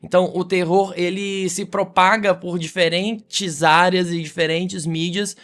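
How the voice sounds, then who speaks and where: A man with a Brazilian Portuguese accent hosting a reflective monologue podcast, musing unhurriedly with phrases that trail off low. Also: flat delivery, measured pace, fairly bright tone. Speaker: podcast host.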